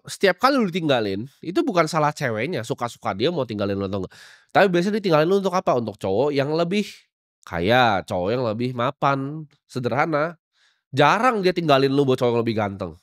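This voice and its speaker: A man's voice: mid-range voice, very animated, fast talker, dry recording, studio quality. A young man delivering a blunt, scolding motivational rant as a podcast host, full of slang and confrontation. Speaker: podcast host giving life advice.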